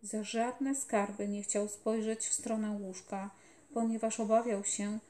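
Slow, calm woman narrator. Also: mid-range voice. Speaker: mother reading aloud. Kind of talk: audiobook narration. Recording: roomy echoey home recording.

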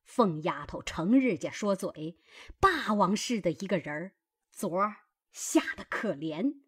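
A man's voice: high-pitched, expressive, a little slow, fairly bright tone, breathy edge, pitched above the performer's own voice, full character voice. A man voicing a stern, commanding old grandmother who scolds her grandson. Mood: scolding.

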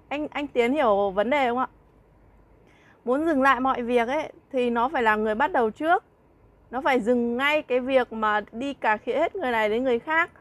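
A young woman vlogger in a heated monologue, mocking a rival with scornful jabs, laughter between lines and repeated rhetorical questions. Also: high-pitched.

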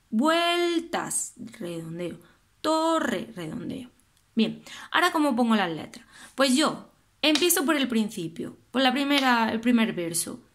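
A woman's voice: fairly high pitch, a bit bright, slight background noise. Female teacher, Spain Spanish accent, patient classroom explainer who breaks words into syllables. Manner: patient, spells out syllables slowly. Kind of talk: classroom explanation of poetry meter.

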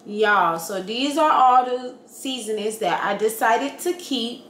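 A young woman chatting to camera in a casual home vlog, slangy and animated as she talks through her cleaning in her apartment. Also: on the high side, takes it slowly, over music. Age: young adult. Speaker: lifestyle vlogger. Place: apartment kitchen and living room, indoors. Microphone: handheld or propped camera at close range. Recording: echoey apartment room, faint ambience.

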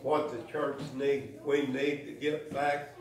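A man closing a church service with slow, folksy, chuckling exhortation. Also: medium pitch, steady tone. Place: church sanctuary. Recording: echoey church from a distance.

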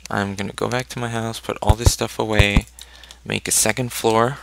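A man's voice: lowish voice, little pitch movement, moderate pace, gravelly. A man casually commenting on his own gameplay, thinking aloud and cheering on his character. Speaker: let's play gamer. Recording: noisy home recording with keyboard clicks. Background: loud keyboard clicks and typing.

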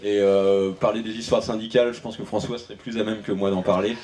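A farmer in his thirties from Maine-et-Loire in western France answers panel questions through a handheld mic in a large tent at an outdoor event. His voice is fairly low, level and dark, and he speaks quickly but hesitantly, with many fillers and restarts.

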